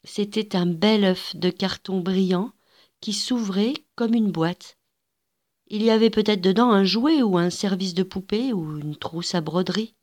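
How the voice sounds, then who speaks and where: Slow, gentle woman storyteller. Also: fairly low pitch. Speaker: narrator. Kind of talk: storybook reading.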